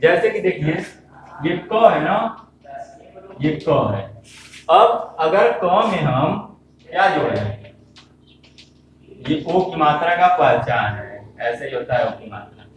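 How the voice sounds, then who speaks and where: A man teaching a lesson to young children, speaking slowly, repeating himself and asking questions that he answers himself. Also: a little high, animated, a little hiss or hum. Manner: slow, repetitive, asks questions and answers them himself. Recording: echoey room, voice from far off.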